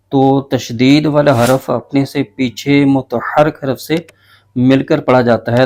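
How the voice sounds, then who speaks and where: Man giving a tajweed lesson, steady monotone, patient and methodical, drags out letters when he spells them. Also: mid-range voice. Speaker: Quran recitation teacher.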